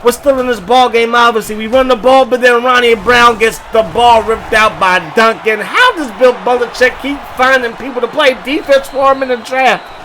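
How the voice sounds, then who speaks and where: A man with a very high voice calls a football video game play by play. His tone is bright and forceful, and his delivery is animated and joking. He often breaks into excited shouts. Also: moderate pace, a little hiss or hum. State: short of breath at times. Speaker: gaming YouTuber.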